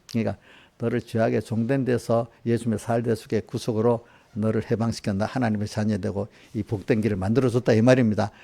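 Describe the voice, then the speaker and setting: A man preaches in a loose, conversational way, turning to individual listeners with questions and slipping into quoted voices. His voice is gravelly with a dark, mellow tone, sitting at an ordinary pitch for a man. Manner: conversational preaching, quizzing congregation by name; acts out voices in quoted asides. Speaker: pastor. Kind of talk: sermon. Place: church sanctuary.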